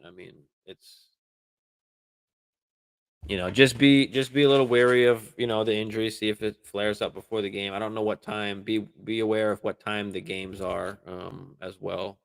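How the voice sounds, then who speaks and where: Laid-back guy with a low gravelly voice, cussing and rambling through viewer questions on a live stream. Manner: relaxed, swears casually, many fillers and restarts. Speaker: fantasy football show host.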